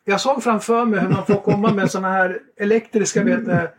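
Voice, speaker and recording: Animated, high-voiced storytelling man. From Sweden. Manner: animated, laughs often. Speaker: preacher sharing testimonies. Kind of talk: lively storytelling.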